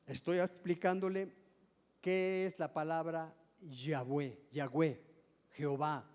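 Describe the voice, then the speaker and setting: A man's voice: on the high side, steady tone, takes it slowly, a little mellow, long reverb tail. A man preaching a sermon as pastor, explaining step by step, often repeating and restarting words and asking the congregation questions. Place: church service hall.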